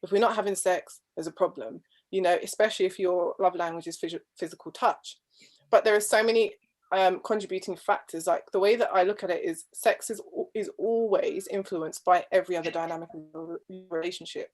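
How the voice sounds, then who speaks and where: A woman's voice: on the low side, fairly even intonation, brisk, a little mellow. A woman, a guest speaker on marriage, heard over a video call with a patchy connection, talking earnestly and restarting her phrases often. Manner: thoughtful and earnest, with frequent restarts and trailing phrases. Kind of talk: conversational discussion.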